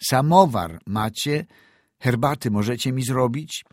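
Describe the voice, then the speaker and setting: A man's voice: mid-range voice, lively intonation, unhurried, darkish tone, dry recording, studio quality, voice pushed up. A man doing a curt, anxious doctor. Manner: clipped, urgent questions.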